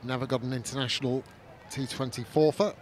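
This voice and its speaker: A man giving measured cricket analysis, rising to shouts when wickets fall. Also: medium pitch, steady tone, a little hiss or hum. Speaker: cricket co-commentator. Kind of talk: live sports analysis. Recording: commentary mic with stadium crowd behind.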